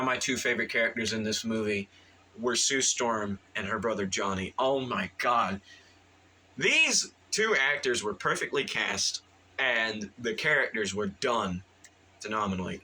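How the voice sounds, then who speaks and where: A man's voice: on the low side, pushed and bright, slight background noise, poor audio. A man giving a casual, rambling movie review, full of fillers and restarts and eager in tone.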